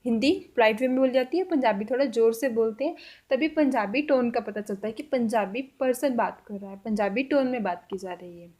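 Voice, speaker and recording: A woman teaching a language lesson, saying example sentences slowly and repeating them with care. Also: a little high, darkish tone.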